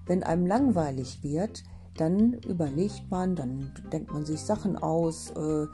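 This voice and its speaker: A woman's voice: sits low, measured pace, mellow. A woman author introducing her story and talking reflectively about fantasy and boredom. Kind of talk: casual spoken introduction and comment. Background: guitar music.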